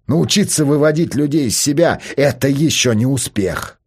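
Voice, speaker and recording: A man reading a novel aloud, voicing a provocative adult son who needles and shouts at his father. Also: mid-range voice, moderate pace, breathy edge, pitched above the performer's own voice. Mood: needling. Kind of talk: audiobook character voice.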